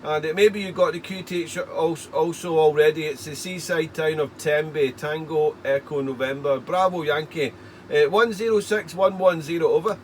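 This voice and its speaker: A man's voice: on the high side, moderate pace. A man working as an amateur radio operator chats casually with call signs, rambling in a stop-start way and repeating words. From United Kingdom. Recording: faint steady background noise.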